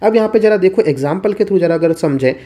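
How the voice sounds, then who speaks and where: A man's voice: high voice, animated, quick pace, warm tone. A man teaching an exam-prep Hindi lesson, posing questions for students and answering them himself. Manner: asks and answers his own questions.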